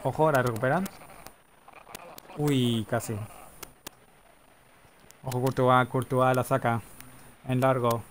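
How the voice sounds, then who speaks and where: Excitable man calling a video game match. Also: mid-range voice, a little hiss or hum, rough recording. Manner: rapid name-calling, bursts into drawn-out goal cries. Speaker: streamer commentating a video game football league. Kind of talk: live play-by-play commentary.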